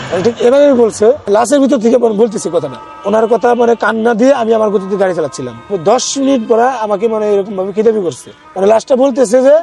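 A man's voice: high-pitched, gravelly, dark tone. A man, an ambulance driver, telling his own experience in a casual, rambling way, often restarting his sentences. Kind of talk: casual first-person storytelling. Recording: faint background music.

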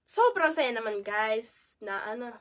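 Woman vlogger w/ a cold and cough, chatty, slightly high voice, mic a bit far off. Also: lively intonation, unhurried. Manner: chatty, keeps calling out to viewers. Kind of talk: casual chat to camera.

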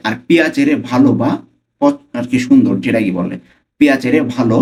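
Bangladeshi guy teaching italian, says every phrase slow and over again, mid pitch. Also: darkish tone. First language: Bengali. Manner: slow, careful repetition of phrases. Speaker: language teacher. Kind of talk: Italian lesson for Bengali speakers.

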